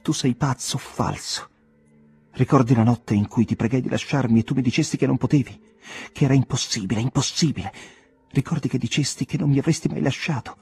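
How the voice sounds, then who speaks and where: A man's voice: brisk, darkish tone, breathy edge, soft background music. A man voicing a desperate pleading young woman. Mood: accusing. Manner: pleading, accusing, shrill cries. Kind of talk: audiobook character voice.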